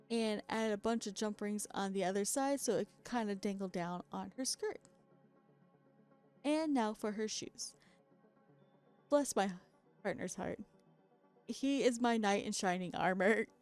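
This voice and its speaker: Exhausted after an all-nighter, a woman narrates her doll customizing in a laid-back voice-over, laughing at herself often as her voice keeps cracking. Her voice is a little high, with a darkish, clean tone.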